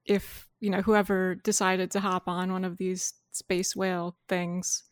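A woman's voice: on the low side, little pitch movement, measured pace, no room sound. A woman brainstorming ideas in casual chat, hesitant and full of fillers. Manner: hesitant, many fillers, laughs often. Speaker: worldbuilding collaborator.

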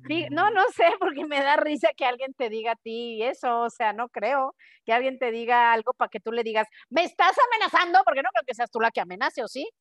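A Mexican woman co-hosting a podcast, chatting in an animated way and acting out quoted dialogue. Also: on the high side, a little fast, no room sound. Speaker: podcast co-host. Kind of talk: casual podcast chat.

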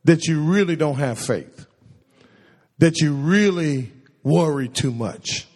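The recording, drenched in long hall reverb, captures a male pastor in his church sanctuary giving a call-and-response sermon. His delivery is husky, slow, and animated, he refers to his voice as a baritone, and he preaches by asking and answering questions for the congregation.

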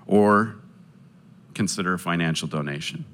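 Before a live audience, a low-voiced man with a fairly bright tone earnestly recounts his testimony and asks for support. His delivery is full of pauses and restarts.

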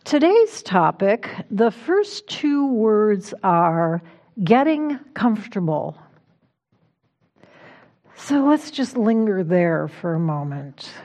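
A woman minister delivering a conversational sermon in a reflective, informal way, gently guiding her listeners. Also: medium pitch. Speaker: minister giving a talk. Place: church sanctuary.

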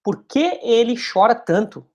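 A woman teaching English, speaking model phrases slowly for the listener to repeat and explaining them in quick asides. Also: fairly high pitch, animated. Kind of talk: English lesson with repeat-after-me drills.

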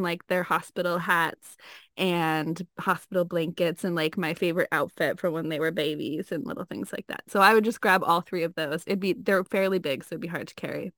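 A woman's voice: lowish voice, a bit bright, dry recording, studio quality. A young woman podcast guest chatting casually in a loose, rambling way. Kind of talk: casual chat.

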